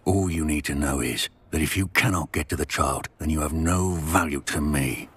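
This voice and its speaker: Game villain: menacing goblin chief, extremely low voice, cold command, noisy ambience behind. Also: male voice, moderate pace, a bit bright. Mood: cold menace. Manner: cold, threatening. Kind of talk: dramatic video game acting.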